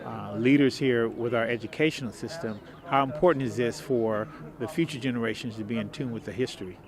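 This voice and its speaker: A man's voice: medium pitch, a little fast, crowd noise. A man hosting a community TV show, interviewing guests outdoors at a city event, earnest and full of thanks.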